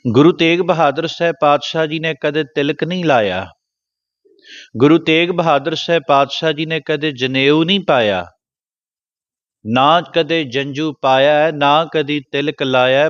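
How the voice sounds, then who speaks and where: A Punjabi man giving a Sikh religious discourse, slowly intoning scripture lines and then explaining them quickly. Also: on the high side, a bit bright, no room sound, lo-fi sound. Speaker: Sikh preacher.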